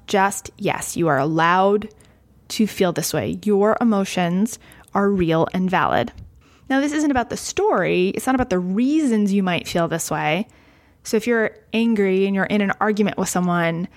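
A woman explaining a step-by-step coping technique in a calm, conversational way, with frequent casual asides. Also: mid-range voice. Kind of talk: explanatory talk to camera.

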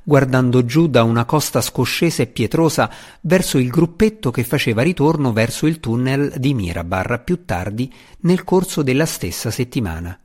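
A man reads a fantasy novel aloud as its narrator, his voice set at a middling pitch. He tells the story dramatically, his pitch rising and falling in lively swoops. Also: normal speed, few pauses. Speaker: audiobook narrator. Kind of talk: scripted audiobook narration.

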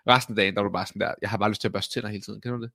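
A man co-hosting a fitness podcast, telling gym stories in a casual, animated way and swearing freely. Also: on the low side, vocal fry, no echo, studio quality. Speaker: podcast co-host. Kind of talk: casual chat.

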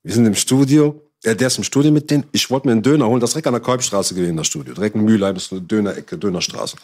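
Racing through a story in a lowish voice, a man chats casually in slangy, animated speech. He insists he's not lying and acts out what others said as he tells the anecdote.

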